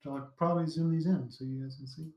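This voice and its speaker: A man's voice: fairly high pitch, steady tone, fast, darkish tone, echoey room, highs cut off. A man narrating as dungeon master in an easygoing, casual way, full of fillers. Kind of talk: narrating a tabletop game.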